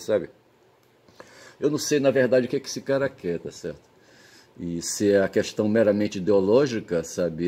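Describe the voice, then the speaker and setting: A man's voice: lowish voice, darkish tone, slightly rough. A Brazilian man with a Brazilian Portuguese accent, holding a rambling solo monologue that keeps checking in with the listener, folksy, pedantic and blunt, with the odd swear word. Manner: keeps tagging phrases with "tá certo?" and "sabe?", pedantic and folksy. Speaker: channel host.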